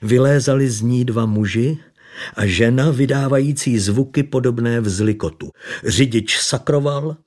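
A man reading a story aloud as narrator, steady and measured. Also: medium pitch. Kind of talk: audiobook narration.

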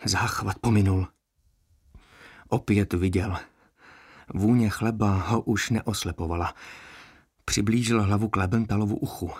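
A man reading an audiobook in measured, grave scripted narration. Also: fairly low pitch, fairly even intonation, slightly rough, no room sound, studio quality.

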